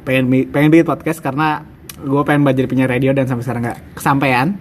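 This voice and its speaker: A young man with a medium-pitched voice co-hosts a podcast. He talks in casual, friendly-chat style over faint background noise. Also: little pitch movement, quick pace. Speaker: podcast co-host.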